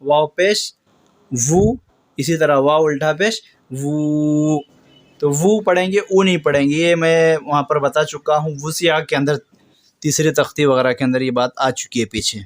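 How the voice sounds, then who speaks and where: A fairly high-voiced man leads a patient reading lesson. He stretches each word slowly in recitation, repeats it, and points out the usual errors between quicker explanations. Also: fairly even intonation. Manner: slow drawn-out recitation of words between brisk explanations; patient, repeats and corrects common mistakes. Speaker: Quran reading teacher.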